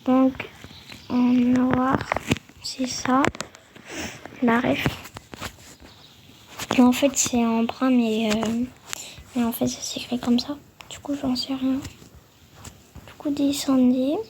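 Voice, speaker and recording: A woman's voice: sits high, flat delivery, takes it slowly, long pauses, noisy background. A woman talking through a game tutorial, hesitant, with many fillers and restarts. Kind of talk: casual game tutorial voice-over.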